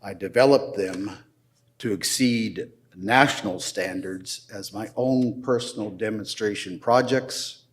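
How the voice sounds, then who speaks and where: An older man addressing a city council, presenting his case formally with slow, deliberate emphasis. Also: lowish voice.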